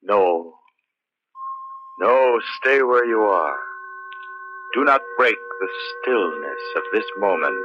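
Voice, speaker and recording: An actor playing an ominous, brooding murder-mystery narrator in theatrical, slow 1940s radio style. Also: male voice, medium pitch. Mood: hushed, mysterious. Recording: noisy, dull old 1940s radio recording.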